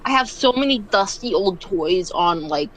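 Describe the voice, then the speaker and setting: Casting: woman guest on a casual chat podcast, offhand and halting, mid pitch. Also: expressive, a bit bright, slight background noise, poor audio.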